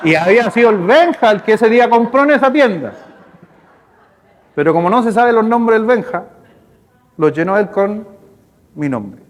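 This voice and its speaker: A male pastor with a Chilean accent, preaching a sermon in a lively, storytelling way, speaking to the congregation. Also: sits high, moderate pace, long pauses. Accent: Chilean Spanish. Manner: storytelling, animated, conversational with congregation. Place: church hall. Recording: long hall reverb in church.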